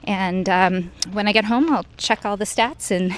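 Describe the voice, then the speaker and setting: Woman, casual running vlogger, conversational mid-range voice, recorded with clear outdoor ambience and traffic noise behind her. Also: mid-range voice, measured pace. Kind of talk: casual vlog narration of a run.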